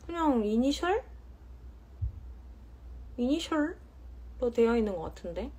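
A woman in her thirties from Jeonju, Korea, hosts a casual phone livestream, reading viewer comments in a playful, teasing way and drawing out words for emphasis. Her voice is on the high side, warm and slightly rough, slow, with big pitch swings. The sound is lo-fi.

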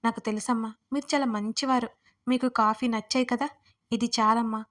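A woman's voice: fairly high pitch, lightly acted. A woman doing a fawning, overdramatic maid. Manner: drawn-out, wheedling flattery. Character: scheming female house servant, fawning, overdramatic.

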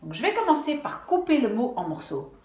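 A woman's voice: a little high, big pitch swings, a little fast, a little mellow. A woman teaching Dutch spelling, patiently sounding out words syllable by syllable. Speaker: language teacher. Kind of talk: explaining Dutch spelling at a whiteboard. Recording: echoey room.

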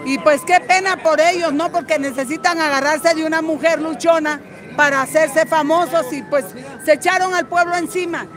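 An older Guatemalan woman, a political activist, gives a fiery, combative, foul-mouthed street interview on a busy city street. Her voice sits high with fairly even intonation at normal speed, over outdoor crowd noise and background music.

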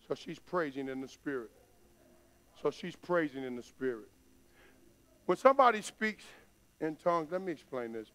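Man preaching, swelling from low talk to loud. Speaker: pastor. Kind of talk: sermon. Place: church sanctuary stage.

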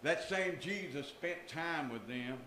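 A man's voice: fairly high pitch, lively intonation, slow, sharp tone, slight background noise. An older man preaching a sermon from a church pulpit, with emphatic rises and drops in his voice. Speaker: pastor. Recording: echoey church room.

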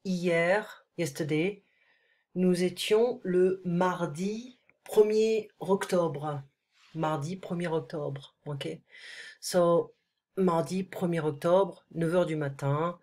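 Recorded over her screen with a computer microphone, this deep-voiced French tutor teaches a one-on-one language lesson while congested with a cold. Her pace is slow and her tone darkish. She alternates French and English, patiently explaining and frequently asking "ok?".

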